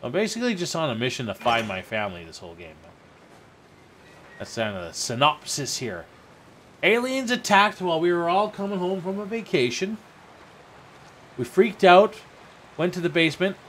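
A man's voice: a little high, big pitch swings, moderate pace, long pauses, fairly bright tone, slight background noise. A man streaming a game, joking around and talking to his in-game dog and his viewers. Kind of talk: casual gameplay commentary.

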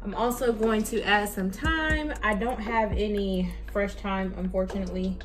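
A woman's voice: medium pitch, moderate pace, low-quality recording. A woman casually talking viewers through a recipe step by step while she cooks at her home stove. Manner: relaxed step-by-step explaining with fillers. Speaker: cooking vlogger. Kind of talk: casual cooking tutorial. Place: home kitchen at a gas stove. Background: background music and sizzling pan.

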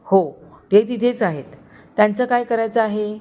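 A woman's voice: mid-range voice, normal speed, dark tone, lightly acted. A woman voicing a loyal young male henchman who reports in a tired, frustrated way.

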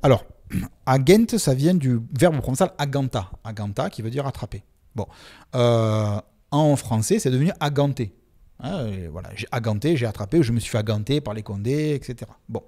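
A man with a Marseille accent, a sociolinguist guest, explaining pronunciation in a lively, expressive way and voicing examples aloud. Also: mid-range voice, normal speed. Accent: Marseille French. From Marseille, France. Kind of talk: casual explanatory interview.

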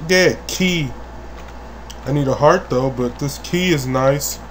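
Foul-mouthed man yelling over a game. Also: mid-range voice, takes it slowly, slight background noise. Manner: crude, profane, with sudden loud outbursts. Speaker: gaming channel host. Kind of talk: let's play commentary.

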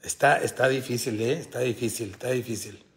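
A man's voice: mid-range voice, steady tone, brisk. A middle-aged man hosting a casual live chat, joking, laughing often and reading viewers' comments aloud. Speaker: host.

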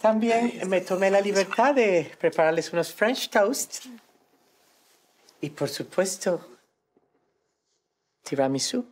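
A man's voice: sits high, takes it slowly, pauses often, darkish tone. An actor playing a man disguised as a theatrical, fawning woman chef, in a telenovela comedy.

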